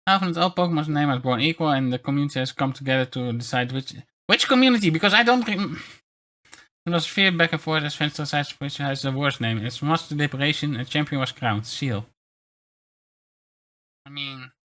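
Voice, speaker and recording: A man's voice: mid-range voice, a little fast, a bit bright. A man streaming casual commentary as a VTuber, rambling and stumbling over his words as he reads aloud. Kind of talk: casual livestream commentary, reading articles aloud.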